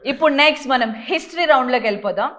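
A woman runs a playful quiz game show, teasing the guests and ordering them around. Her voice sits a little high and she talks quickly. Noise can be heard behind her. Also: lively intonation, fairly bright tone. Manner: teasing, bossy, mixes English words in.

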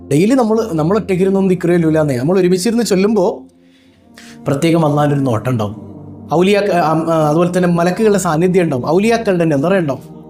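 High-voiced preacher. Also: male voice, darkish tone. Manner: asks rhetorical questions, chants Arabic phrases slowly. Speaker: Islamic preacher. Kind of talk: religious talk to followers.

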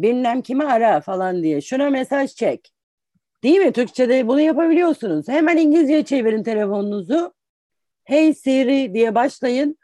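A woman's voice: a little high, mellow, dry recording, clean studio sound. A woman in her forties, an English teacher, giving patient, explanatory advice in an interview and restating points with examples. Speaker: English teacher and career guest.

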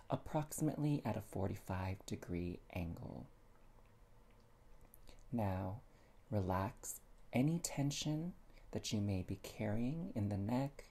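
Gentle and soothing, a meditation guide speaks in a mid-range voice. Long pauses separate the phrases, which end softly and breathily.

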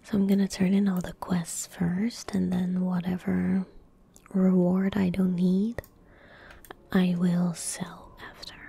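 Sitting at a desk in a small room, a streamer in her twenties murmurs gentle ASMR commentary on the game she's playing, leaning close to a desktop microphone. Her breathy whisper is low and monotone, soft and unhurried, with faint background noise and game ambience.

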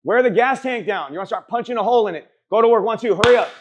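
Male boxing coach, very high voice, urging pep-talk delivery, blunt and salty, hands-on instruction with call-and-response questions. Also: rapid-fire, lo-fi sound. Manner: profane; asks the group questions and answers them. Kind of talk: hands-on drill instruction to a class. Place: boxing gym during a group class.

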